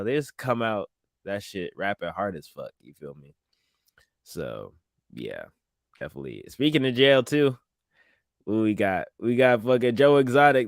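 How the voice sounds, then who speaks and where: A man's voice: mid-range voice, clear, resonant tone, no echo, studio quality. A man hosting a podcast, chatting loosely in slang about news clips and laughing at his own remarks. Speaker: podcast host. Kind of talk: casual commentary on news clips.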